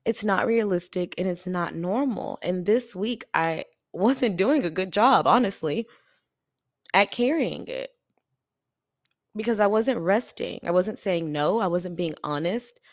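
A woman hosting a solo podcast, talking in an earnest, confiding way with soft laughs, tired. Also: lowish voice, lively intonation, measured pace, dry recording, clean studio sound. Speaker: podcast host. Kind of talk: reflective solo podcast talk.

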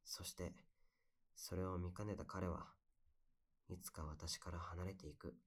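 A man acts out a lovelorn young man in an intimate pillow-talk audio drama. His voice sits low. He confides softly and casually, with a wistful, regretful tenderness. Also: steady tone, measured pace, husky, heavily acted. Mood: wistful, quoting. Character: heartbroken young man confiding about lost love.

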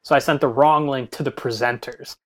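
A man's voice: mid-range voice, steady tone, brisk, fairly bright tone. A young man co-hosting a casual podcast chat, rambling through a story with lots of "like". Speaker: podcast co-host.

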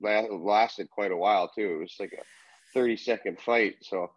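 A man's voice: fairly low pitch, moderate pace, no room sound. A young man from Canada, a hockey player, chatting easily as a guest over a video call, with short agreeable replies. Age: young adult. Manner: easygoing, brief agreeable replies. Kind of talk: casual interview chat. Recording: dull lo-fi video call audio.

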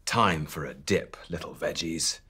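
Man doing a storybook villain pea, cheeky, naughty, taunting, deep husky voice. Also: unhurried, pushed and bright, heavily acted. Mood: gloating.

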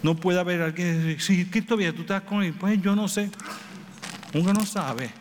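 A man preaching a sermon, with repeated phrases and rhetorical questions, swinging between raised and low delivery. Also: normal speed. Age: adult with children. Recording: reverberant hall with faint background noise.

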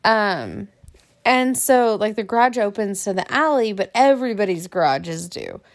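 A woman's voice: mid-range voice, expressive, normal speed. A woman co-hosting a casual podcast chat with her husband, chatty, laughing often, full of fillers. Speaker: podcast co-host.

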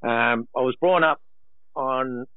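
A man's voice: medium pitch, slow pace, no room sound. An Australian man talking in a plain, colloquial, matey way as a guest in a casual interview over the phone. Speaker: guest, sprint coach. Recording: tinny phone line.

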